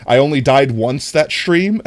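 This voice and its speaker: Heard in a dry recording, a man with an animated, medium-pitched voice speaks a little slowly during a live stream. He chats casually and rambles earnestly with his viewers, restarting a lot and frequently laughing between sentences.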